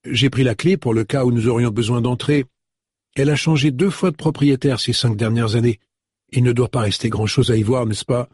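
A man with a husky voice voicing an earnest young man in an audiobook. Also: medium pitch, fairly quick, darkish tone, no room sound, clean studio sound, lightly acted.

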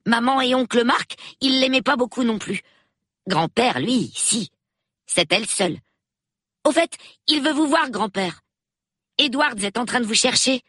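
A man's voice: very high voice, lively intonation, sharp tone, no echo, studio quality, voice pushed up, exaggerated voice. A man voicing an eager, chatty boy of about nine in a storybook reading. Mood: excited. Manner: eager, rapid, gossipy.

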